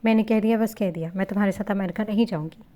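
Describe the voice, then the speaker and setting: A woman reading the part of a sharp, defiant young wife in a storybook reading. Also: medium pitch, fairly even intonation, quick pace, natural voice.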